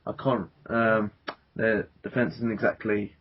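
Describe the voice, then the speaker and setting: A man's voice: on the low side, level tone, a little slow, a little hiss or hum. Man, football podcast host, hesitant with lots of ums, muffled lo-fi sound. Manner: hesitant, many fillers and restarts. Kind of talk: casual football podcast chat. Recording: dull lo-fi podcast audio.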